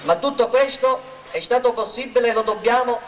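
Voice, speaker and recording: A man's voice: very high-pitched, a little fast. A man giving a formal, oratorical political speech at a rally, declaiming to a public square. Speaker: local party politician introducing a candidate. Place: outdoor town square rally. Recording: roomy, distant mic, faint noise.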